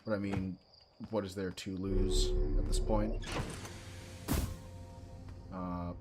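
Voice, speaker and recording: Slow, musing man streaming a game. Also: low voice, little pitch movement, loud music behind the voice, low-quality recording. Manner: hesitant, musing to himself. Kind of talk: casual gameplay commentary.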